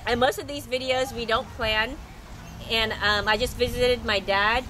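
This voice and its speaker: Middle-aged woman, sailing vlogger, scratchy voice, higher register, easygoing and rambling. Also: steady tone, a little slow, pushed and bright. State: scratchy, recovering from losing her voice. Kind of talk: casual unscripted monologue to camera.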